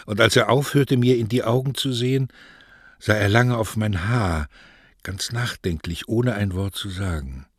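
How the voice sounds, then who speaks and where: A man voicing a wistful young woman in love, speaking softly and hushed. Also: lowish voice, unhurried, husky, no room sound, studio quality. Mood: dreamy. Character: dreamy lovestruck young woman.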